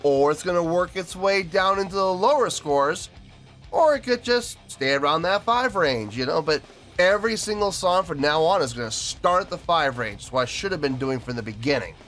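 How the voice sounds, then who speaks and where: A man hosting music review videos speaks to the camera in a fairly high, slightly bright voice at a normal pace. He's animated and casual, talking emphatically to his viewers and often repeating phrases for stress.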